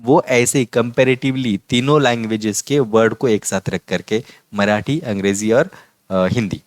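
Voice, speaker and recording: A man teaching a vocabulary lesson, patiently repeating each word slowly. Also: fairly low pitch, no room sound. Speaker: language teacher.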